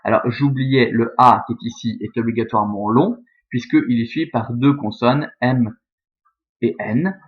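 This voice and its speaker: In a dull, lo-fi recording, a male teacher walks through Latin verse one step at a time, patient and methodical, dropping in "hein" and "euh." He speaks unhurriedly at medium pitch, in an ordinary middle register.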